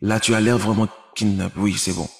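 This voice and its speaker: A man's voice: lowish voice, little pitch movement, fairly quick, reverberant, close to an everyday voice. An actor playing a confident, pushy male friend who keeps repeating himself, in a French-dubbed film drama. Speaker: friend helping stage the kidnapping.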